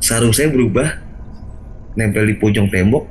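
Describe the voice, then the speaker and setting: A man hosting a video call, casually telling his own ghost story in an animated way, acting out sounds with big jumps in his voice. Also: lowish voice, moderate pace, a little hiss or hum, rough recording.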